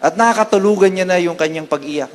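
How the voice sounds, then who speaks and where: A man with a Filipino accent preaching a sermon as a pastor, moving between Tagalog and English and slowing down to quote scripture. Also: sits high, long reverb tail.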